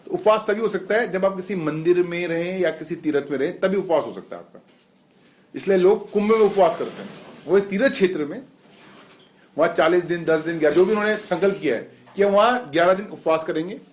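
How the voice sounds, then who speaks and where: A middle-aged man with a slightly high voice gives an informal class. He explains things and puts questions to the students. The room is echoey. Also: darkish tone. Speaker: spiritual teacher.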